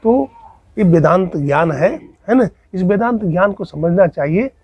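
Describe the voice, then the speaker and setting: A man's voice: high voice, animated, measured pace, a little mellow, breathy edge. A man preaching a sermon as a spiritual teacher, telling a story and asking rhetorical questions. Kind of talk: Hindi sermon with acted dialogue.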